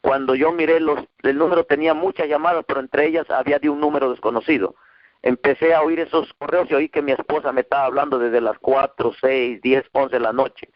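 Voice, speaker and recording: A man's voice: fairly even intonation, fairly quick, no echo. Emotional Spanish-speaking preacher man, muffled. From Mexico. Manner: emotional storytelling, quoting dialogue with rising pitch. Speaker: pastor. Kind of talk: testimony sermon. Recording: dull muffled dry sound.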